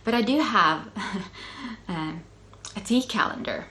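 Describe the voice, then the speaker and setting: On a rough recording, a Swedish-speaking middle-aged woman from Finland, with a Finland-Swedish accent, talks slowly and animatedly in a slightly high voice. Her casual solo knitting video podcast is chatty and self-interrupting, full of soft laughs and ums.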